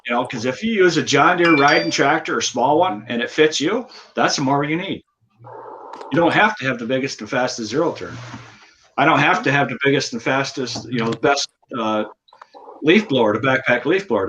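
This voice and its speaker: Male, American, casual explainer, punchy bright tone, a bit of noise on the line. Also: medium pitch. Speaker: lawn care professional. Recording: dull lo-fi audio, faint noise.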